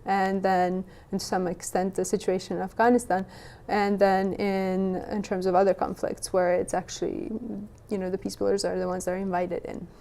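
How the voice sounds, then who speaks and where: A woman's voice: mid-range voice, level tone, normal speed, mellow. A young woman from Western Bosnia, answering interview questions thoughtfully, with frequent restarts. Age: young adult. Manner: thoughtful, many restarts and "you know". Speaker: guest.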